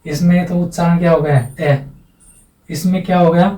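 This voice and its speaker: A man teaching an exam-prep lesson with a somewhat high, mellow voice, patient and repetitive, drawing out each example sound. He is heard from a distance in an echoey room. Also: little pitch movement, moderate pace.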